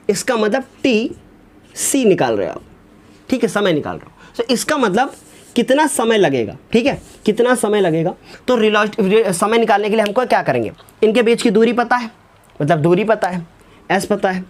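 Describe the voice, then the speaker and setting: A male physics teacher works through numericals step by step. He keeps checking that his students follow and calls them by fond, fatherly names. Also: high-pitched. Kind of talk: whiteboard lesson solving numericals.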